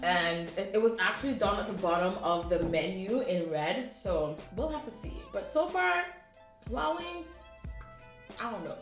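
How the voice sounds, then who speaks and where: A woman's voice: medium pitch, expressive, normal speed. A young woman presenting a food challenge in a casual, chatty way. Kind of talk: casual chat. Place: small indoor room, seated at table. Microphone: camera a few feet away. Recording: echoey room, music in the background.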